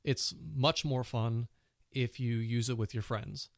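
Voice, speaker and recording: This podcast host talks casually about tech on his own show, chatty and leaning heavily on "you know" fillers, though he has a cold and a sore throat. His mid-range voice is steady and a little slow, with no echo and clean studio sound.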